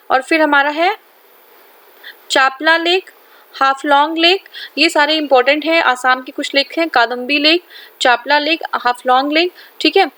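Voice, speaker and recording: High-voiced Indian woman teaching a lesson. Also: sharp tone. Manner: reads English lines slowly, then repeats key points in Hindi, frequent "thik hai". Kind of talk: exam-prep lesson, Hindi mixed with English.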